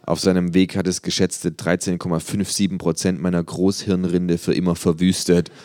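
A man reads an audiobook in a very deep voice, with a dry, deadpan and tired manner. The recording is close and free of room echo. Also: moderate pace. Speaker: narrator. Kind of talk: audiobook narration.

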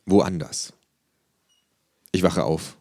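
A man narrating an audiobook in a dry, deadpan, tired manner. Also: sits low, very slow, slight background noise.

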